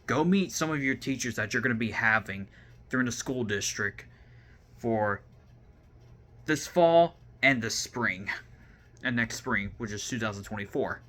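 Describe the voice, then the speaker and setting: A man's voice: medium pitch, sharp tone. A young man with a Southern US accent hosting his own video series, talking casually to camera and often stopping to repeat and restart his words. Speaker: vlog host.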